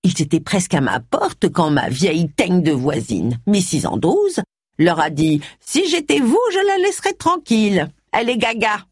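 A woman voicing a very old, sly and gossipy lady, in a high, quavering, drawn-out voice. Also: very animated, husky, no room sound, clean studio sound. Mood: aggrieved.

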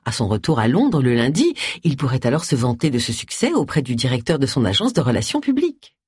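Husky woman narrating a novel. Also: very deep voice, very animated, a little fast, a little mellow, no echo, studio quality. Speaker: audiobook narrator. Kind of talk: scripted audiobook narration.

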